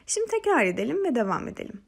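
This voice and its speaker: A woman from Turkey teaching a French lesson, patiently repeating phrases slowly for learners. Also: high voice, sing-song, gravelly, slightly rough. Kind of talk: language lesson narration.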